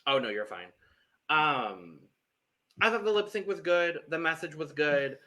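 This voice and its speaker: A man's voice: on the high side, lively intonation, a little slow, sharp tone. A man co-hosting a podcast, reviewing an episode in casual chat, opinionated and moving the discussion along. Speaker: podcast co-host.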